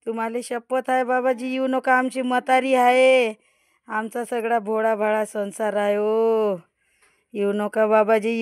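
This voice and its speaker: A woman's voice: a little high, darkish tone, no room sound, studio quality. A woman, filming outdoors on a phone and talking to a snake with pleading, repetitive commentary. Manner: pleading, repeats words, talks to the snake. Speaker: vlogger. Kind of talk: excited live commentary while filming a snake.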